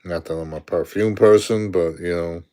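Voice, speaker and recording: His voice sits low and warm, with a steady tone and moderate pace. He's a sixty-something Brooklyn native with a matching accent, chatting on a live stream, responding to viewers' comments out loud and chuckling a lot.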